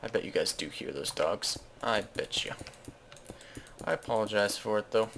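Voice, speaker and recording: A man's voice: lowish voice, animated, normal speed, gravelly, a bit bright, a little hiss or hum. A man giving casual, rambling commentary as he plays a game, often correcting himself mid-sentence. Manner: rambling, self-correcting, chatty asides. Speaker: Let's Play host.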